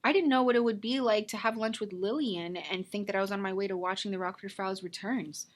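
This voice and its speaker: A woman acting a self-taped drama scene as a wistful, defensive woman nearing thirty, speaking earnestly with emotional pauses. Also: mid-range voice, natural voice. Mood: confessional.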